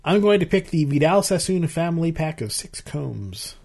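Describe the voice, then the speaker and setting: A man's voice: on the high side, big pitch swings, moderate pace, gravelly, darkish tone. A man co-hosting a show, giving his opinions in casual chat and repeating phrases for emphasis. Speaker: podcast co-host.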